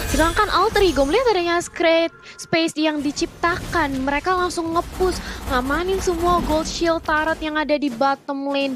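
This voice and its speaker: An extremely high-pitched Indonesian female voice delivers live esports commentary. She follows the match action as a caster.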